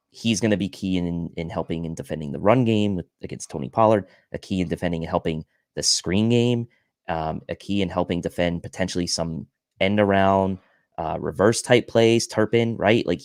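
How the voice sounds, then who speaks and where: A man's voice: sits low, no echo, studio quality. A man co-hosting a football pregame show, breaking down the matchup with stats in an analytical way. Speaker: podcast co-host. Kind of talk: sports pregame talk show.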